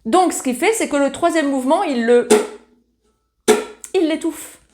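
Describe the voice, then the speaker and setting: A woman's voice: high voice, a little slow. A woman giving a casual ukulele lesson, talking in a chatty, familiar way while strumming along. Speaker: ukulele teacher. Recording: loud ukulele playing along.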